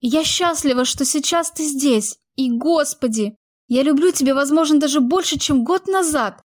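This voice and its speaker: A woman's voice: high-pitched, normal speed, dry recording, clean studio sound, pitched above the performer's own voice, close to an everyday voice. A woman voicing a young woman in a heated argument with her partner, defensive and emotional. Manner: heated, pleading outbursts.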